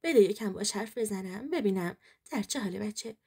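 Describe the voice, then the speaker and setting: A calm, persuasive male lawyer who gives steady, reassuring advice, as a woman storyteller voices him. The tone is mellow and a little husky. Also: medium pitch.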